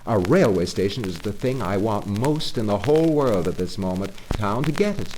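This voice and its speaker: A man's voice: lowish voice, lively intonation, normal speed, warm tone, lightly acted. A man voicing a smug, self-important toad in a pompous manner for a children's audiobook. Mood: smug, delighted. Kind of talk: audiobook character voice in a children's classic. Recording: noisy old spoken-word record.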